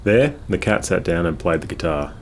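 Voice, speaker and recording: A man reading a children's storybook aloud in a measured, expressive way. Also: deep voice, a little hiss or hum. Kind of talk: scripted storybook narration. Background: guitar music.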